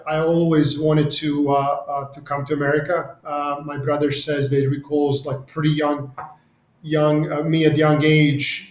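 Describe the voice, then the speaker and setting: Man, flat and earnest. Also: a little high, roomy sound, poor audio. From Serbia. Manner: earnest, with frequent restarts. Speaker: guest, company executive. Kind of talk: podcast interview.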